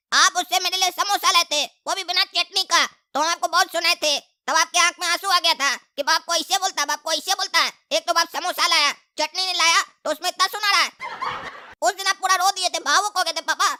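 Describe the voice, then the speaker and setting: A cheeky cartoon boy, voiced by a woman who teases his father in long sarcastic rambles. His voice sits extremely high and sounds sharply bright. He breaks into shouts and laughter. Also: heavily acted. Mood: teasing. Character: cheeky young boy, mouthy and teasing.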